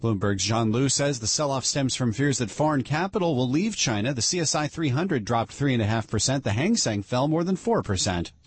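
Male radio anchor, mid-pitched, rough-edged voice, scripted news read. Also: lively intonation, fairly quick, hardly any pauses, dry recording.

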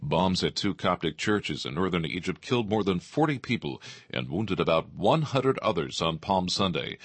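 Low, husky male newsreader. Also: very animated, moderate pace, dry recording. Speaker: radio newsreader. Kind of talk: scripted world news bulletin.

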